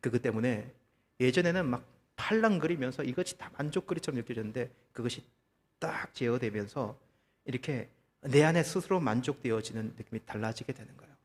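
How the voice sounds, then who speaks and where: A man preaching a sermon as pastor, telling a story with lively, acted-out quotes and rhetorical questions to the congregation. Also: medium pitch, a little fast, in a large hall. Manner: animated storytelling, acting out quoted voices. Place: church.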